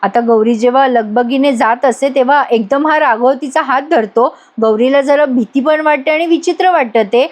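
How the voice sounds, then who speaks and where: A woman's voice: high-pitched, moderate pace, few pauses, darkish tone. A woman narrating a voice-over recap of a TV serial in a storytelling manner.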